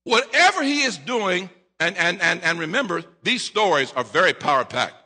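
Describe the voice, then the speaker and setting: Middle-aged male pastor, husky and sharp voice, dramatic sermon delivery, long church-hall reverb. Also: high voice, very animated, normal speed. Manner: dramatic preaching, acting out voices, stammering repeats, rising to shouts. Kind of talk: preaching a sermon. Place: church sanctuary at a lectern.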